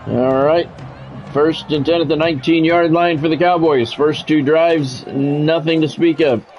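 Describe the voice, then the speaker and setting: A man's voice, on the high side, unhurried, with fairly even intonation and a darkish tone, calls a football video game live on stream. He mixes clipped, practiced announcer phrases with casual, offhand remarks. The recording is dull and lo-fi, with faint background noise.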